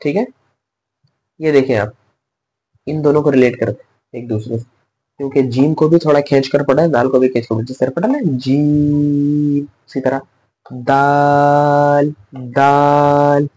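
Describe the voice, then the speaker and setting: A man's voice: on the high side, moderate pace, long pauses, dark tone, breathy edge, rough recording. A man teaching letter pronunciation in a patient classroom style, repeating each sound and asking the learner to say it back. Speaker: Quran recitation teacher.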